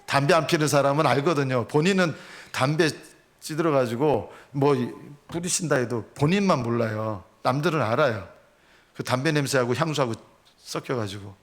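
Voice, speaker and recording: Earnest pastor. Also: male voice, mid-range voice, normal speed. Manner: earnest, rhetorical questions to congregation. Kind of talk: sermon.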